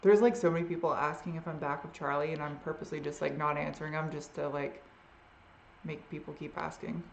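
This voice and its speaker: A woman's voice: deep voice, fairly even intonation, fairly quick, vocal fry, reverberant, slight background noise. A woman with a trace of a Boston accent hosting a live Q&A, chatting casually and trailing off often as she answers viewer questions. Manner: rambling and unsure, often trailing off.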